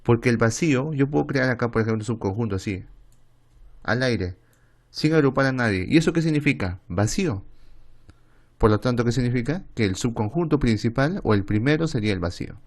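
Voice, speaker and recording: A man's voice: medium pitch, expressive, a little fast. A man with a Peruvian Spanish accent tutoring math online, explaining step by step and often checking with "¿está bien?". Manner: voices students' questions himself.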